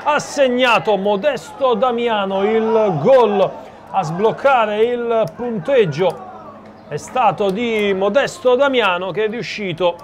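High-pitched excited man calling a goal. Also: slow. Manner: excited, raised-voice goal call. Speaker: football play-by-play commentator. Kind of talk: live Italian football match commentary. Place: outdoor stadium commentary position. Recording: noisy live stadium sound.

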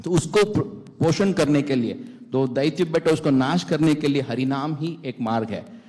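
A middle-aged man, a panel guest, giving a spiritual talk on a TV stage, halting often and mixing in English words, speaking into a handheld mic. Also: on the high side, darkish tone. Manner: halting, many restarts, mixes English words. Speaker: panel guest, temple vice-president. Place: large stage hall with audience. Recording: long hall reverb.

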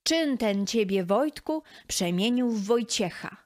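Woman reading as a gruff mustached village fire chief. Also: a little high, animated, takes it slowly, darkish tone. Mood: proud.

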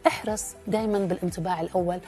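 A woman, a life skills trainer explaining things in an animated way as a guest on a TV talk show. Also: on the low side, very fast, soft background music.

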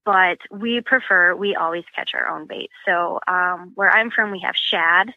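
A woman's voice: lowish voice, a little slow, no echo. Lady explaining catfish gear, lots of um and you know, kinda muffled dry sound. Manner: chatty, practical, many fillers like um and you know. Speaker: guest, sponsored catfish angler. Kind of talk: casual interview explanation.

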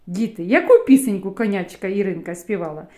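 A woman teaching a phonics lesson to small children, speaking slowly and clearly in a sing-song way. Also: mid-range voice, animated, warm tone. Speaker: preschool teacher.

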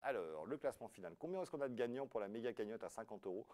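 A low-pitched man hosts a live quiz show, his voice swooping up and down as he reads questions and tallies scores. He keeps up a playful patter, tossing jokes in between the answers. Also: expressive, racing, darkish tone. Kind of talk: live app quiz hosting.

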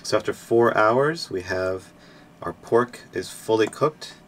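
A man in his thirties talking casually to the camera as a sailing vlogger, relaxed and chatty with small laughs, recorded aboard a small boat. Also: on the low side, slow, background noise. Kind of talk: casual vlog narration. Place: small boat cabin and deck.

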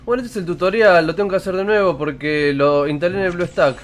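In a room with purple lighting, a thirty-something man speaking Argentine Spanish hangs out on a live game stream and says hello to viewers. His voice sits high and he talks fast, with faint music behind him.

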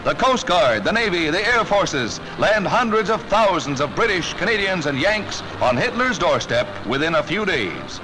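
A man's voice: high voice, big pitch swings, moderate pace, hardly any pauses, background noise. A man narrating a 1940s newsreel in a rousing, emphatic announcer style, with the sound of an old newsreel. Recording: narration over loud orchestral music.

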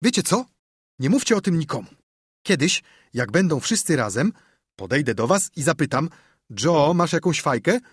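A swaggering young boy, played by a male narrator, high-pitched and animated, full of scorn for others. The voice has a slight husky grain and sits dry and close to the mic. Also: moderate pace, pauses often, no echo. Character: cocky young boy, scheming show-off.

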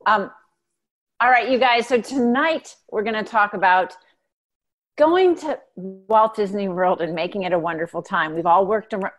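A woman hosts a casual podcast in a conversational way. Her voice sits at a middle pitch. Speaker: podcast host.

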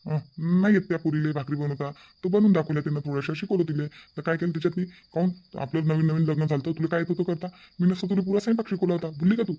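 A man voicing a middle-aged father in a cartoon, steady and reasoning. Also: a little high, fast talker, few pauses, lo-fi sound, close to an everyday voice. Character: calm middle-aged father, firm head of house. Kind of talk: cartoon voice acting.

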